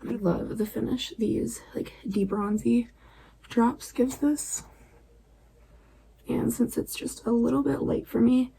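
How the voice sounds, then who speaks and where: A woman chatting casually through a makeup tutorial at home at night, relaxed and chatty, often dropping to a near-whisper. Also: on the high side, slow pace, creaky, pauses often, slight background noise, low-quality recording. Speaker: beauty vlogger.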